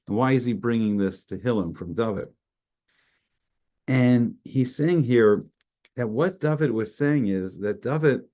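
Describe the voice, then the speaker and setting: A man's voice: mid-range voice, darkish tone. A man teaching an informal Torah class, talking conversationally with many restarts and fillers and mixing in Hebrew terms. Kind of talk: casual online Torah class.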